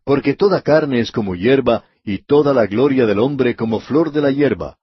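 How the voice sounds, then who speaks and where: A man giving a radio Bible teaching, speaking straight to the listener and reading scripture slowly and deliberately. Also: mid-range voice, breathy edge, no room sound, muffled recording.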